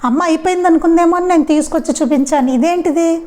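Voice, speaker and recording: A woman's voice: very high-pitched, quick pace, mellow, voice pushed up. A woman voicing an innocent, truthful little boy who talks in an earnest, wondering way. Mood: puzzled.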